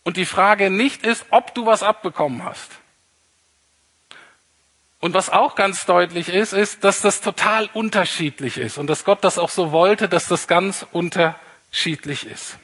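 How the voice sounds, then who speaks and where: A man's voice: sits high, measured pace, a bit bright, husky. A man preaching a sermon in a conversational way, repeating his key points for emphasis. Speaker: pastor.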